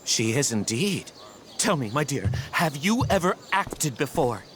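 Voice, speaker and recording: A theatrical middle-aged drama director from a video game, pompous and flowery. His voice swings widely in pitch at a slow pace, with faint insects and birds behind. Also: big pitch swings, noisy background. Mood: grandly persuading. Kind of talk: video game character acting.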